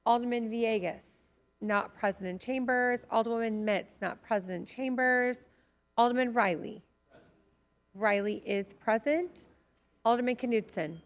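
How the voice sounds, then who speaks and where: A woman serves as clerk and reads out names and attendance one after another. Her voice sits slightly high, and the delivery is crisp and even. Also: a little slow. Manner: crisp, repetitive roll-call delivery. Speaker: council clerk. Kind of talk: reading a roll call.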